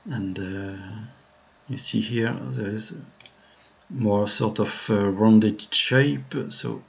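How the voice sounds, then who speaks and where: A man with a French accent and a creaky, lowish voice walks a live-stream audience slowly through a modeling tutorial, his intonation fairly even. He hesitates constantly with "uh" and sentence restarts while staying friendly to the chat. The audio comes across dull and lo-fi.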